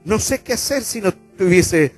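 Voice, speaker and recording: A man's voice: high-pitched, animated, measured pace, soft background music. A man with an Argentine accent preaching a sermon as pastor, repeating phrases and having the congregation say them back. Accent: Argentine Spanish. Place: church auditorium.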